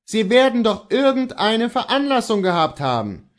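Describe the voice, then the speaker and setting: A stern, probing male horse dealer presses his servant for answers in a storybook reading, voiced by a man. His voice sits above the narration, firm and lively in pitch. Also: moderate pace. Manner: questioning, firm, raised pitch.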